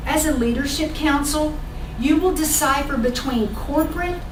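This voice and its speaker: A woman's voice: sits high, normal speed. An American woman giving a motivational sales training talk as a business trainer, emphatic and often checking in with her listeners. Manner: emphatic, checks in with "okay?" and "all right?". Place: large indoor training room with audience. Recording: echoey room, distant mic, noisy background.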